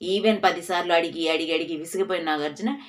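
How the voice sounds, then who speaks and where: Woman presenter, low register, emphatic recap narration for a reality-show news channel. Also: quick pace. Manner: emphatic, heated retelling.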